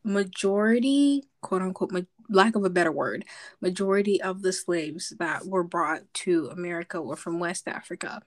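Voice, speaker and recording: A woman's voice: fairly low pitch, moderate pace. A young woman from Zambia, a podcast guest chatting casually, telling stories with lots of likes and ums. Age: young adult.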